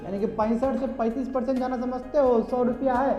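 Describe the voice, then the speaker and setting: A teacher lectures his class in an extremely high, fairly even voice that is brisk and dark in tone. He's chatty, calls on students directly and sprinkles in English terms, recorded in an echoey, slightly dull classroom with faint music behind.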